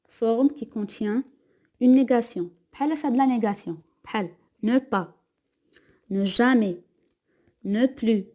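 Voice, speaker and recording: A woman's voice: mid-range voice, mellow. Moroccan woman teaching French grammar. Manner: repeats example sentences slowly, then explains quickly. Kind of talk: grammar lesson mixing Moroccan Arabic and French.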